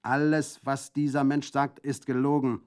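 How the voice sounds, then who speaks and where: A man's voice: medium pitch, a little fast, voice pushed up, close to an everyday voice. A man reading a novel aloud, voicing a hot-headed young man who angrily denies accusations. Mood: defiant. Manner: loud, defiant. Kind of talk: audiobook reading.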